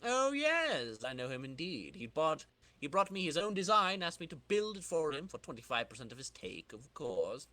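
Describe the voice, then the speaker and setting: A man's voice: a little high, sing-song, pushed and bright, dry recording. Man hamming up the Tinkerer, a theatrical villain inventor. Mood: gleeful scheming. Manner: theatrical, drawn-out words.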